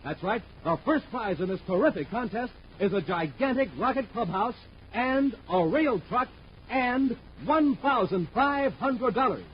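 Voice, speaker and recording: On a muffled old radio recording with faint noise, a man narrates and announces in the 1950s manner, delivering lines with emphatic, dramatic showmanship. His voice is very high-pitched and animated, and he goes a little slow.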